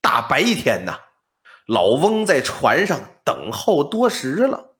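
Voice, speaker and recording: Slow, lively male storyteller. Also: on the high side. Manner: conversational, animated storyteller. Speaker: storytelling podcast host. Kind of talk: casual storytelling of old ghost tales.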